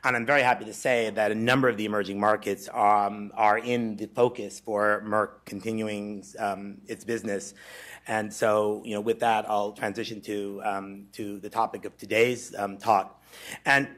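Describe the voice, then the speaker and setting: A man's voice: lowish voice, a bit bright. A Greek man in his forties giving a conversational conference presentation, with frequent ums and restarts. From Greece. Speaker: conference speaker. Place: lecture hall at a symposium.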